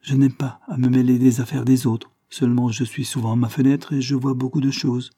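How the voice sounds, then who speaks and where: A man's voice: medium pitch, flat delivery, brisk, dark tone, breathy edge, dry recording, clean studio sound, lightly acted. A man reading the lines of a kindly, slightly plaintive older woman neighbor in a story. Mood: friendly.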